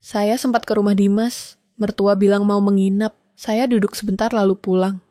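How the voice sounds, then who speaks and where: A woman voicing a gentle, tired older mother who speaks softly and carefully, in storybook narration. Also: medium pitch, little pitch movement, moderate pace, no echo, studio quality, close to an everyday voice. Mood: weary. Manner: soft and careful.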